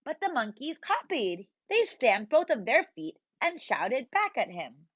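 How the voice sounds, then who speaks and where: A woman teacher reading a picture book aloud to young children, expressive and drawn out, asking them questions, in a dull lo-fi recording. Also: on the high side, unhurried, husky, no room sound. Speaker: preschool teacher.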